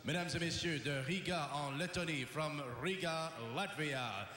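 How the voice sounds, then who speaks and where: A man working as a boxing ring announcer, formally introducing fighters in a measured, declamatory way over an arena PA. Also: fairly high pitch, bright, forceful tone. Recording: echoey arena PA with long reverb.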